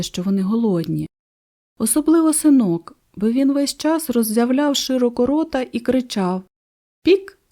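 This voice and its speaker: Mellow woman reading a children's tale. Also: a little high. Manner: gentle, expressive reading. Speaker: storyteller. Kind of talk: audiobook fairy tale narration for children.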